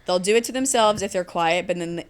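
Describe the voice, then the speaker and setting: A woman who teaches barbering, telling classroom stories as a podcast guest, animated, with quick asides. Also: fairly low pitch. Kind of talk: casual podcast conversation.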